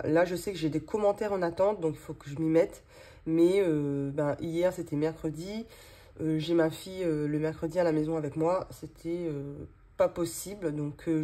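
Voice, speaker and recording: A budgeting vlogger in her thirties, with a regional French accent, chats casually as she works through her monthly cash-envelope budget. Her fairly low, darkish voice rambles along with plenty of fillers.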